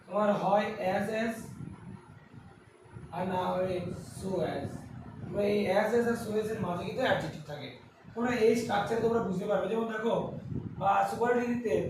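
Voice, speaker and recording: A high-pitched man teaches grammar and works through examples at a board. He stands well away from the mic in a very echoey room, and steady background noise runs under his voice. He keeps asking the class questions and then answers them himself. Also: far from the mic. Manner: explains step by step, asks and answers his own questions. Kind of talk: classroom-style lesson at a board.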